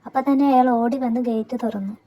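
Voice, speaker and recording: A woman's voice: on the high side, fairly even intonation, quick pace, dark tone. A woman casually retelling a TV serial episode in a chatty, listener-addressing way. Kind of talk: casual spoken recap.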